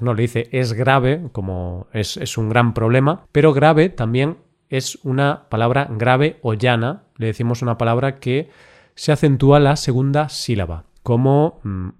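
A man, co-hosting a casual lesson podcast, playful and quick to joke and laugh. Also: mid-range voice, darkish tone. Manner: playful, jokes and laughs often. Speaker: Spanish teacher, podcast co-host. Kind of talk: casual chat.

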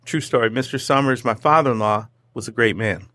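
A man in casual conversation who rambles from story to story, jokes often and stumbles over his words. He speaks at a middle pitch and tosses in little sound effects as he goes. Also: fairly quick, dry recording, clean studio sound. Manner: animated, joking, rambling with restarts; throws in playful sound effects. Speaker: interview guest.

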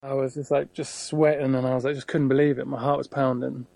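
A man's voice: medium pitch, little pitch movement, brisk, vocal fry, mellow, dry recording. A man, a guitarist, telling a rambling story in casual conversation, full of fillers and acted-out quotes. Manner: rambling, heavy with fillers, acts out quoted lines. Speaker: guitarist guest.

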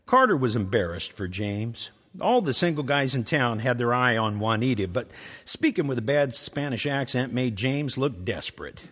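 A man's voice: mid-range voice, a bit bright. A man hosting his show and telling a story live to an audience, with a wry, playful delivery. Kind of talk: live storytelling and casual intro. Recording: reverberant live church hall.

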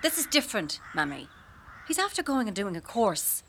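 An actress playing a cheeky, teasing young adult Irish daughter on a farm in a radio comedy. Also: female voice, medium pitch, sing-song, normal speed, fairly bright tone, a little hiss or hum.

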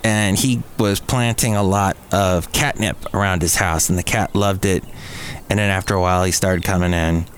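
A middle-aged American man hosts a podcast alone, chatting casually in a rambling, jokey monologue with self-mocking asides. His voice is deep and steady at a normal speed. Background noise is clearly audible in the recording.

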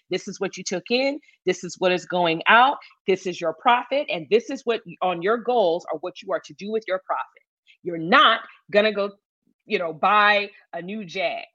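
A middle-aged salon founder from Michigan gives advice in a conversational interview, speaking emphatically and repeating key phrases for stress. Her voice is medium-pitched and fairly bright. The audio is dull but has no room sound.

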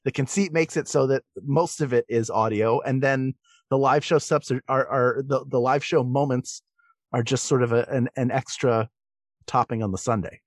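A comedic stage and voice performer, guesting on a podcast, gives thoughtful, explanatory answers in a conversational interview. He speaks at medium pitch and a moderate pace with a steady tone. The recording is dry, with clean studio sound.

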